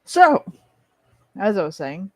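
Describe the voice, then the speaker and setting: This is a vlogger with a mid-pitched voice who rambles slowly and casually while chewing. The delivery is blunt and opinionated, with some swearing, in a close, dry sound. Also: no echo.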